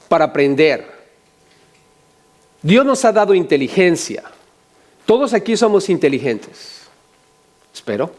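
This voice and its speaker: A man's voice: high-pitched, a little mellow. An older male pastor preaching a sermon, often asking the congregation questions and adding joking asides.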